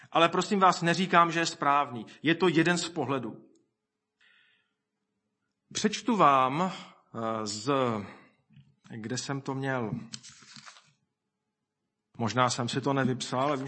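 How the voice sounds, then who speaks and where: A man preaching a sermon, reflecting aloud, reading scripture and quoting people in lively voices. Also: on the high side.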